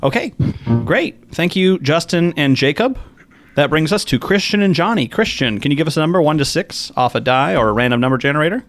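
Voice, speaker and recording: A man hosting an online board game, teasing the players with jokes and quick asides. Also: a little high, lively intonation, a bit bright, faint music behind. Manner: joking, teasing, mock infomercial asides. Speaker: game host.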